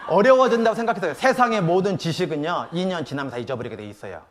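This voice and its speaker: Middle-aged male church speaker, animated, mimics kids and parents, fairly high pitch with big swings. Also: quick pace, slight background noise. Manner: animated, mimics children and parents, frequent laughter from the room. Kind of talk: lively church talk with acted family quotes.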